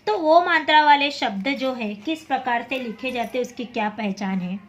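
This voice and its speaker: A woman teaching a class, reading syllables aloud one by one in a patient, clear drill and quickly correcting her own slips. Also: sits high. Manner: addresses students as children.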